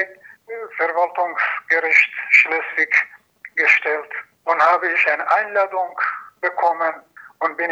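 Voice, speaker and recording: A man tells his own story in halting, careful phrasing and keeps restarting his sentences. His voice sits a little high and sounds very bright and sharp. The recording is dull and lo-fi. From Iran. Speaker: asylum seeker. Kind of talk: personal testimony.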